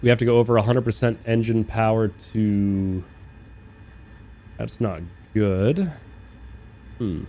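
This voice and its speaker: A young man live-streaming a flight sim, chatting casually and rambling, swearing freely, talking to his chat and bursting into loud incredulous rants. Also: fairly low pitch, slow pace, pauses often, slight background noise. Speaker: game streamer. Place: living in Australia.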